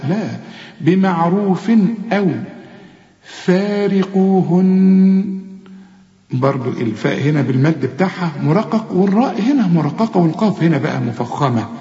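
Egyptian teacher drilling Quran recitation, echoey. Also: male voice, on the high side, expressive, mellow. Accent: Egyptian Arabic. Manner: corrects pupils directly, recites slowly then explains briskly. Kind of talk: tajweed lesson mixing sermon and recitation drills. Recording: echoey, reverberant, dull lo-fi sound.

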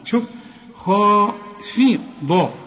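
Egyptian man, recitation teacher, high voice, dull lo-fi recording with long reverb. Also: expressive, fairly bright tone, a little hiss or hum. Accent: Egyptian Arabic. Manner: corrects pronunciation, repeats sounds slowly, chants verses. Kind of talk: tajweed lesson with recited examples.

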